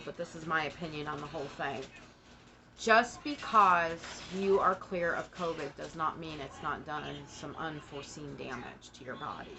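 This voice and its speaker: A woman with a low, bright-edged voice talks casually to her viewers in halting phrases. She sounds short of breath, and music plays behind her. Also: a little hiss or hum. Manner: halting, broken phrasing with pauses. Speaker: vlogger giving a personal family update. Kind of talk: casual, personal monologue to camera.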